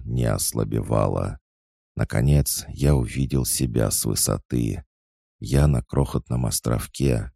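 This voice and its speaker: A man narrating a dark fantasy audiobook in a measured, dramatic way. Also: extremely low pitch, gravelly, dry recording, studio quality.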